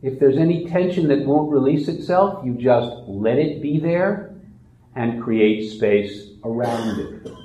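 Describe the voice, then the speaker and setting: A man leading a guided relaxation meditation in a slow, soft, soothing manner. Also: mid-range voice, expressive, roomy sound, rough recording.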